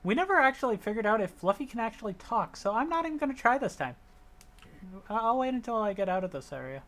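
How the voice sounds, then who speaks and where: A man's voice: very high voice, very animated, fast, fairly bright tone. A man talking casually as a player in a tabletop role-playing game.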